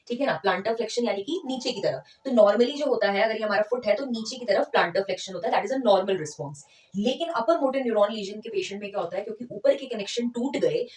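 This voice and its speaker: A woman's voice: medium pitch, a little mellow, distant mic. A woman giving a physiotherapy lecture in a conversational teaching manner, often checking in with her listeners. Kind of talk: explanatory lecture, Hindi mixed with English terms. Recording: echoey room, voice from off the mic.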